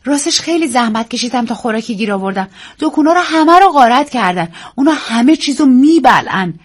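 A woman reading a story, voicing a frightened young woman with high, urgent, anxious lines. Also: lively intonation, breathy edge. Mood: anxious, excited.

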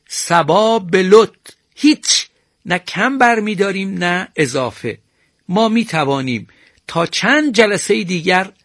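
A middle-aged man giving a formal broadcast lesson on poetic meter, speaking courteously and slowly chanting the meter's syllables. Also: high-pitched, vocal fry, a bit bright, dry recording, clean studio sound. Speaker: teacher of Persian prosody.

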